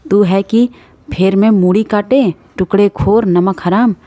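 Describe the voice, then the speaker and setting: Woman reading as a fierce sharp-tongued village wife. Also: mid-range voice, fairly even intonation, a little slow, no echo, lightly acted. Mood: angry defiant. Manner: scolding, cutting retorts.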